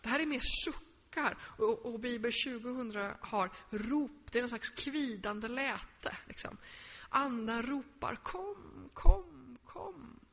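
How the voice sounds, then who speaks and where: A woman's voice: on the high side, fairly bright tone, long reverb tail. A woman pastor giving an earnest sermon, explaining and reading Bible passages aloud.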